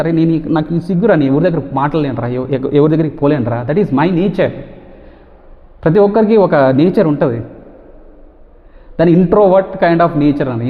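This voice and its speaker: Fast, forceful man venting to camera. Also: fairly high pitch. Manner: fast, forceful, repeats himself with rhetorical questions. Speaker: vlogger. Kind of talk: talking to camera, ranting. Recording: tinny phone-like sound with long reverb.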